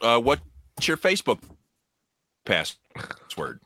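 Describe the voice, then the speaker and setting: A man co-hosting a casual podcast over a choppy remote connection, his speech breaking up and endings dropping away. His voice is bright and forceful and sounds dry and close. He talks with sarcastic disbelief and swears freely. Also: medium pitch, wildly swooping pitch, slow pace, dry recording. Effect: choppy connection cutting in and out, words dropping off. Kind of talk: casual chat.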